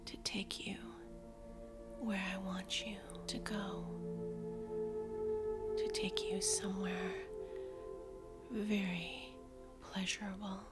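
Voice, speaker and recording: A woman's voice: medium pitch, expressive, takes it slowly, long pauses. A woman doing a whispered role-play of hypnosis, intimate and seductive, soothing commands breathed as if right into the listener's ear. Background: music with singing bowl tones.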